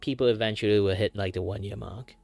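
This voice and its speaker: A man hosting a livestream, chatting casually in a rambling, animated way. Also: on the low side, fast talker, gravelly, dry recording, soft background music. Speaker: livestream host.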